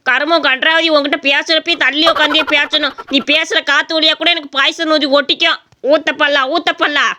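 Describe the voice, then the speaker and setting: High quick woman, mocking cartoon voice. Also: level tone, sharp tone. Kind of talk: cartoon voice acting, teasing sidekick.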